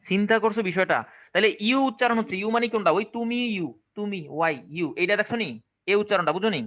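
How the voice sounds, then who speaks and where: Bangladeshi male English teacher, slightly high voice, dull lo-fi recording. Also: quick pace, fairly bright tone. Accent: Bangladeshi Bengali. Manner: questioning, checks understanding often. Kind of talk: online classroom lesson.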